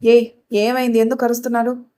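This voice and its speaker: A woman voicing a stern middle-aged village father who lectures his daughter loudly. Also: fairly high pitch, completely flat delivery, brisk, close to an everyday voice. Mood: angry. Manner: harsh, loud, lecturing.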